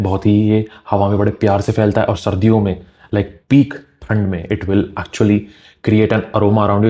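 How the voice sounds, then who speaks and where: A man's voice: fairly low pitch, mellow. A man reviewing fragrances in a vlog, talking with eager enthusiasm and switching freely between Hindi and English.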